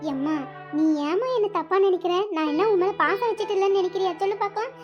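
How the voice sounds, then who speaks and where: High-pitched upset young bride. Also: female voice, fast talker, highs cut off. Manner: earnest, upset. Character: distressed young woman bride, loving but conflicted. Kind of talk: cartoon voice acting. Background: background music.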